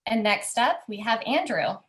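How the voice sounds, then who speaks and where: A woman's voice: fairly high pitch, animated, moderate pace, fairly bright tone. Earnest woman clinician giving a tribute. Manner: earnest and praising. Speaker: speech-language pathologist. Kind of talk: ceremony tribute speech.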